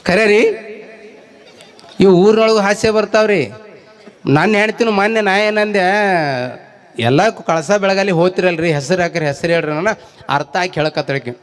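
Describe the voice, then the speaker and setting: North karnataka stand-up guy, high voice, rhymes and stories, talks right at the crowd. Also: moderate pace, long pauses. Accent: North Karnataka Kannada. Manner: lively storytelling, rhyming wordplay, jumps into quoted voices; talks straight to a laughing audience. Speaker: stage comedian. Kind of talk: folk stand-up comedy with rhymes and anecdotes.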